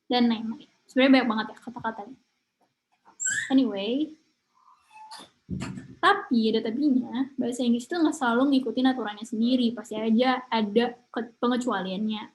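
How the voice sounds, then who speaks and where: Young woman, slightly high voice, casual online English teacher, chatty. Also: brisk, pauses often, low-quality recording. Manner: chatty, mixes English words into Indonesian.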